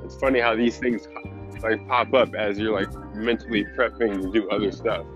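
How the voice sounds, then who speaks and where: A man's voice: fairly low pitch, fairly even intonation, moderate pace. A man giving a casual, off-the-cuff podcast monologue, conversational and often checking in with the listener. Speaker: podcast host and business coach. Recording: dull lo-fi sound, faint music behind.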